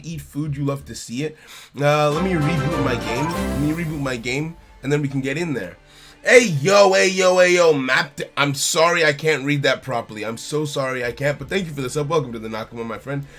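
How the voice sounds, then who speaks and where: Bright-voiced streamer guy. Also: fairly high pitch. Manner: laid-back, greets chat by name, repeats phrases. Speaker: game streamer. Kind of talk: casual live-stream chat.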